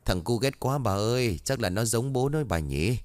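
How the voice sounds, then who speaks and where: A man's voice: medium pitch, lively intonation, moderate pace, a little mellow, no room sound, close to an everyday voice. A man voicing an elegant, polite wealthy young woman who stops by as a stranger.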